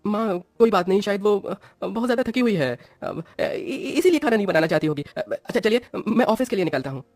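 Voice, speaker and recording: A man's voice: high-pitched, lively intonation, brisk, darkish tone, dry recording, faint music behind, voice pushed up. A man voicing a soothing, hesitant young husband in a cartoon who stammers.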